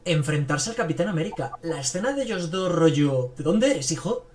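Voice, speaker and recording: Hosting a podcast, a man rambles happily about movies in a casual review chat, using lots of fillers. His voice sits on the high side with a slightly dark tone, lively intonation and a somewhat quick pace.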